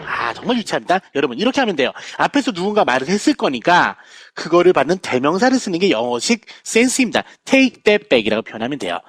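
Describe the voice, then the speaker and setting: Male vocab teacher, recorded lecture; bouncy, joking delivery, high and dry. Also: dry recording. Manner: lively lecturing, frequent "자, 여러분" asides, playful jokes.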